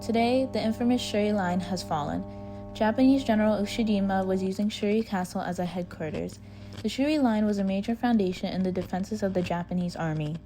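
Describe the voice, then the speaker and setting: A woman's voice: mid-range voice, brisk, mellow, close to an everyday voice. A woman playing a solemn, patriotic 1940s wartime radio news reporter, reading a formal, earnest script. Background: music.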